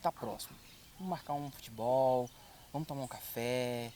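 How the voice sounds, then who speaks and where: A man's voice: medium pitch, normal speed, mellow, a little hiss or hum. A man speaking as a podcast guest, earnest and repeating his points for emphasis. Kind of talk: casual chat.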